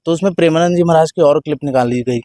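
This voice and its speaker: A man's voice: on the high side, quick pace, mellow, dry recording. A man on a discussion panel, recounting a sequence of events with stumbles and restarts. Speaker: panel guest. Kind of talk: discussion commentary.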